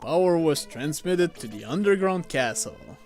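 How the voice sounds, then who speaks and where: A man narrates his gameplay for a live stream in an unhurried, drawn-out way, his voice sitting a touch high. Faint game music plays underneath him. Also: expressive, a little mellow. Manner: slow, laid-back narration of gameplay. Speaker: let's play streamer.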